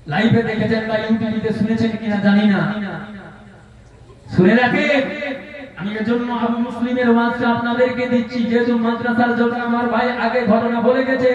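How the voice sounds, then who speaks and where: High-voiced man preaching with a melodic chant. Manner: slides into a sung, melodic chant; recites Arabic verses. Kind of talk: waz sermon. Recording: echoey, distant, dull sound with a crowd.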